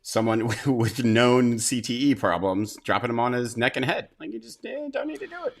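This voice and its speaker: Blunt, lively-voiced man, swears freely. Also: mid-range voice, moderate pace, creaky. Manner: blunt, profane, interjecting. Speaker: podcast co-host. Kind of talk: casual chat.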